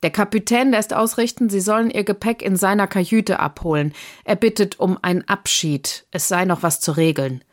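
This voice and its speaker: A plain, unshaven sailor in an audiobook, read by a woman, delivering his message matter-of-factly with a lifted pitch. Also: normal speed, natural voice.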